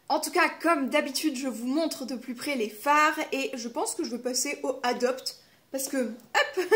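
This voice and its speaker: Une femme qui parle de façon décontractée en déballant des calendriers de l'avent, avec beaucoup d'hésitations et d'autocorrections. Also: female voice, high voice, a little hiss or hum. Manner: chatty, lots of fillers, self-correcting. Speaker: vlogger opening advent calendars. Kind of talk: casual unboxing chat.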